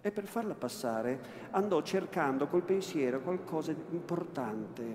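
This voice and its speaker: A man, an actor, giving a slow dramatic reading of a classic novel, repeating words for weight, in a large cathedral. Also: a little high, animated, a little mellow. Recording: echoey cathedral, long reverb, faint room noise.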